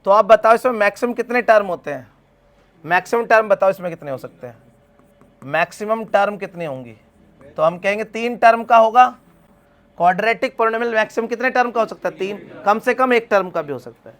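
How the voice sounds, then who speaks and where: A man's voice: sits high, lively intonation, fairly quick, a bit bright. A man teaching a math class, asking his students questions and then answering them himself. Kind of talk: classroom lecture.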